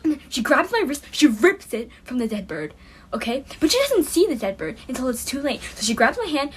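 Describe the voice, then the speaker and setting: A woman tells a comic story with high-pitched, theatrical emphasis. She repeats key phrases and keeps checking in with her listeners. There is a faint hum in the background. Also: fairly bright tone. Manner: dramatic, emphatic, keeps asking "okay?". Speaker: streamer telling a story.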